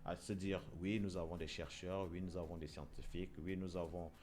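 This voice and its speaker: A man's voice: deep voice, level tone, a little fast, a little mellow. A man hosting a casual discussion show, talking with frequent fillers, repeated words and restarts. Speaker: show host.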